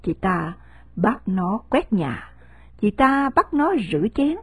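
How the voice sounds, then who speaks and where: A woman narrating a novel chapter in a steady, measured storytelling voice. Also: medium pitch, slightly rough, no echo. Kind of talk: scripted audiobook narration of a novel.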